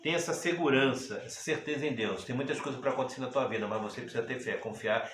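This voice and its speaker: A man's voice: medium pitch, quick pace, fairly bright tone. A man preaching a sermon as pastor, repeating words and asking the congregation questions, building to rising bursts. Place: church hall. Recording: echoey room with faint ambient noise.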